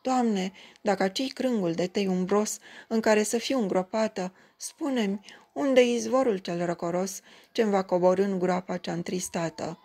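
A woman reading a fairy tale aloud, voicing a frightened young wife who pleads slowly for mercy. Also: mid-range voice, vocal fry, dark tone. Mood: prayerful.

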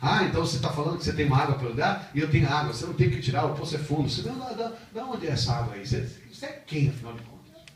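Shrill mocking well-woman done by a brazilian man preaching, echoey chapel from far off. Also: sing-song, very fast, few pauses, a little hiss or hum. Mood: challenging. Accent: Brazilian Portuguese. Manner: shrill, sarcastic and challenging. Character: indignant Samaritan woman at the well.

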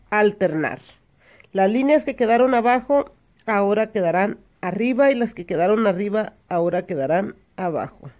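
A woman's voice: a little high, darkish tone. A woman teaching hand embroidery step by step, patiently counting stitches aloud and checking in with her listeners. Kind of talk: step-by-step craft tutorial.

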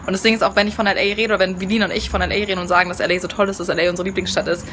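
Filming a travel vlog on a phone held out at arm's length, a young woman chats bubbly and fast, with lots of fillers, beside a house and a hotel pool. Her pitch is medium and her tone stays level. Background noise comes through on the outdoor phone recording.

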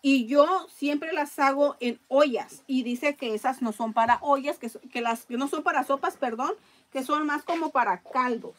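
A woman hosting a casual live-stream raffle, chatting along and reading viewer comments out loud. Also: high-pitched, normal speed.

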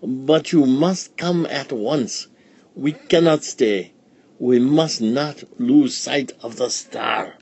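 A man's voice: mid-range voice, slow pace, vocal fry, darkish tone, breathy edge, pitched above the performer's own voice, exaggerated voice. A man voicing an old wise traveler in a storybook, stately and solemn. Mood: urgent.

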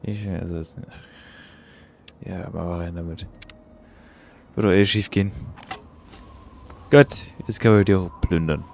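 A man's voice: low voice, fairly even intonation, a little slow, creaky, long pauses, darkish tone, a little hiss or hum. A young man giving casual, slangy let's-play commentary and swearing at the game. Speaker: gaming YouTuber.

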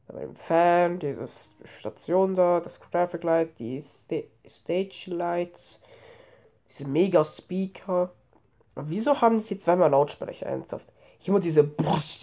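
Her voice is fairly low with a dark tone, and she has a cold. Playing a game at home as a let's play gamer, she tosses out casual, offhand remarks sprinkled with English game terminology.

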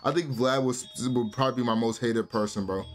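A man's voice: medium pitch, fairly quick. A man hosting a let's play, talking casually in a rambling, slangy way. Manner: rambling, slangy, keeps saying "bro". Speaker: gaming channel host. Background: game music.

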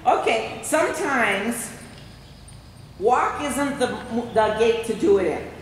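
Taking her time, a horse riding instructor coaches a rider live in a fairly high, expressive voice, issuing short commands and often repeating them. She's captured on a distant mic in a large indoor riding arena, where the hall is very echoey and reverberant, with faint noise.

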